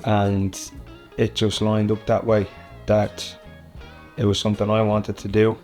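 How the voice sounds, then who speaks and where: A man's voice: fairly low pitch, completely flat delivery, measured pace, a little mellow, soft background music. A man speaking earnestly in a documentary interview.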